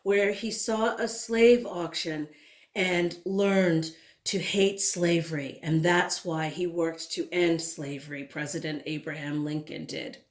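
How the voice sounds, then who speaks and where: Reading a picture book aloud to children, a woman speaks slowly and deliberately, stretching words out for dramatic emphasis. Her voice sits low and her tone stays steady. The recording sounds noticeably roomy and echoey.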